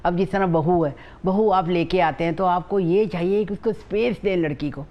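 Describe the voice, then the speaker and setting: A woman's voice: fairly low pitch, moderate pace, muffled recording. An older woman with a Pakistani Urdu accent giving family advice as a guest on a TV morning show, in an earnest, motherly way. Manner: earnest, motherly, repeats herself.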